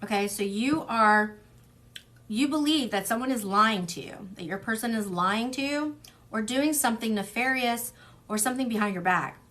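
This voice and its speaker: A woman doing a relaxed tarot reading for an online audience. She talks loosely and rambles, stacking fillers and asides. Now and then she slips into quick mimicked voices for the people she is describing. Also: fairly high pitch. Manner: chatty, rambling, frequent fillers and laughs. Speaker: tarot reader. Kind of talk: casual tarot reading livestream.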